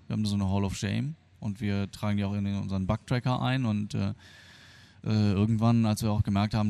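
A man with a gravelly, dark-toned voice on the low side answers interview questions spontaneously, explaining things informally and haltingly. Born Argentine and raised in Germany, he works as a free software developer; the audio has no room sound.

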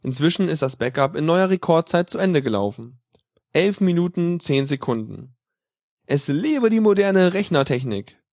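A man's voice: a little high, lively intonation, normal speed, darkish tone, no room sound, clean studio sound. A man reading a first-person audiobook in a sardonic, dryly mocking tone. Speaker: audiobook reader.

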